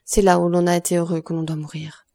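A woman's voice: fairly low pitch, little pitch movement, quick pace, gravelly, mellow. A woman voicing a grieving, guilt-stricken woman. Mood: sorrowful. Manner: sorrowful, pleading. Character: grieving woman of thirty-nine, broken by guilt.

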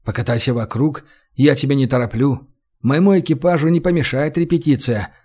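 A man's voice: mid-range voice, brisk, darkish tone, lightly acted. A man voicing a sarcastic, commanding young man who taunts and threatens. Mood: threatening.

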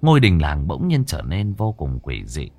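A man narrating a ghost story in a dramatic, expressive way. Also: very deep voice, moderate pace, no echo.

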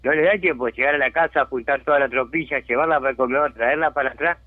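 Speaking quickly at a medium pitch, this Uruguayan man comes through a thin, dry phone connection with no room sound. He is a settlement resident who serves as community spokesman and lives with a chronic lung disease. Interviewed by phone on the radio, he presses his points indignantly and keeps asking whether he's understood.

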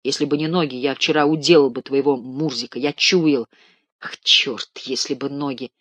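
A man's voice: mid-range voice, steady tone, normal speed, a bit bright, dry recording, lightly acted. A man reading an audiobook, voicing a bitter, paralysed male patient who speaks curtly and with contempt. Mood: contemptuous. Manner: curt, contemptuous.

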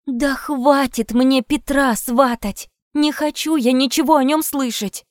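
A woman's voice: high voice, fairly even intonation, unhurried, no room sound, clean studio sound, pitched above the performer's own voice. A woman reader voicing an upset young teacher, tearful and defiant in her outbursts. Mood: angry.

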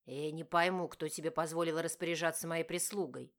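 A woman's voice: sits low, steady tone, fairly quick. Woman voicing a growling, furious young husband. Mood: angry. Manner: growling, shouting, harsh. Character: angry domineering young husband, man.

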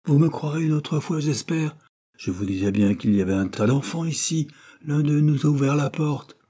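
A man's voice: mid-range voice, normal speed, mellow, slightly rough, pitched above the performer's own voice, close to an everyday voice. A man reading aloud voices a domineering, scolding middle-aged maidservant woman in a storybook.

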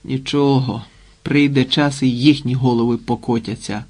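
A man's voice: medium pitch, fairly even intonation, moderate pace, darkish tone, lightly acted. A man reading the lines of an eager, hot-tempered Cossack commander in an audiobook. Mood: brash.

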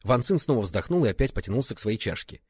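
A man reading a story aloud as narrator, with expressive, varied intonation. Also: lowish voice, quick pace, husky, no echo. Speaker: audiobook reader. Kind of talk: scripted narration.

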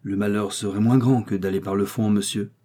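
A man's voice: on the low side, steady tone, a little fast, warm tone, lightly acted. A man voicing a blunt, grave semaphore keeper, a seasoned sailor watching a storm in a storybook reading.

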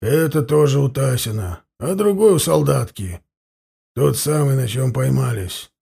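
A male audiobook reader takes on a blustering, hot-tempered peasant robber who is confessing, indignantly protesting in a gravelly voice that lurches up and down. The timbre stays husky and dark even when he shouts back. It's a full character voice at medium pitch, delivered unhurriedly.

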